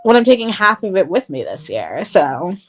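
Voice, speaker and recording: A woman's voice: mid-range voice, very animated, moderate pace, faint music behind. A young woman co-hosting a podcast, chatting casually with lots of fillers and laughs. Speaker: podcast co-host. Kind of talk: casual chat.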